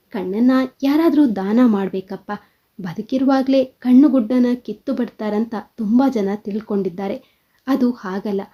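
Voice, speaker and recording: A woman's voice: on the high side, lightly acted. A woman voicing a male eye doctor who explains things in a wry, lecturing way, in a dull lo-fi recording.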